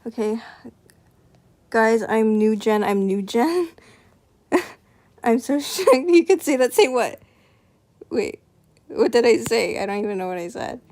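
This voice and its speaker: A woman's voice: on the high side, animated, unhurried, pauses often, darkish tone. A young woman streaming live, chatting casually, nervous and apologetic, rambling with lots of fillers.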